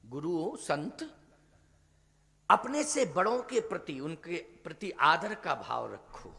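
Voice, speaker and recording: A man giving a devotional sermon, declaiming forcefully and then dropping to low asides, now and then chanting a scripture verse slowly. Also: gravelly, in a large hall. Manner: emphatic, swings from loud declaiming to low asides. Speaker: preacher of a Ram Katha discourse.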